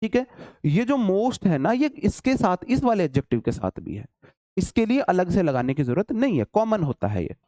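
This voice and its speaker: A man's voice: sits high, very animated, normal speed, mellow, no room sound, studio quality. A man teaching an exam-prep grammar lesson, repeating points emphatically and calling his students "brother". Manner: repetitive, emphatic explaining, addresses students as brother. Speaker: English teacher.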